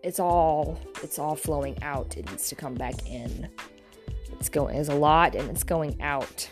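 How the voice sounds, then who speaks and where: A woman hosting a solo podcast, talking frankly with many pauses and ums, often swearing. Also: sits low, over music. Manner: hesitant and halting. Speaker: podcast host. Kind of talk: casual solo podcast monologue.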